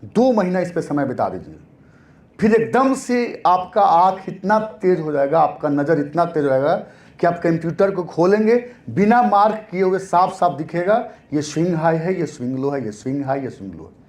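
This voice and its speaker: Guy teaching chart reading, high lively voice, keeps repeating stuff and asking himself questions. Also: normal speed. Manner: repetitive, asks and answers own questions. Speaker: trading teacher. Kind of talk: classroom-style chart lesson.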